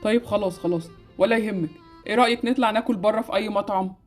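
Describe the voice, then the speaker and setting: A woman's voice: mid-range voice, fairly even intonation, very fast, soft background music, natural voice. A woman with an Egyptian accent voicing a good-hearted but decisive husband in an amateur game animation. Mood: affable.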